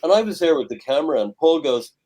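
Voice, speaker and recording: A man, a filmmaker guest on a video call, telling lively anecdotes from a film shoot and quoting people. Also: fairly high pitch, fast talker, low-quality recording. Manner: animated, laughing storyteller who swears and quotes people.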